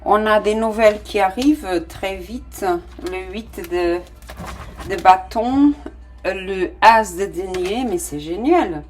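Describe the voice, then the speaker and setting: Faint music plays behind this tarot reader, a middle-aged woman speaking slowly in a slightly mellow mid-range voice. Her non-native French accent comes through as she reads casually, full of fillers, hesitations and delighted cries over the cards.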